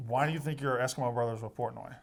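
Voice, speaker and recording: A man hosting an irreverent comedic interview, asking questions and teasing in a deadpan way. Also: mid-range voice, very fast, gravelly. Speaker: interviewer, host.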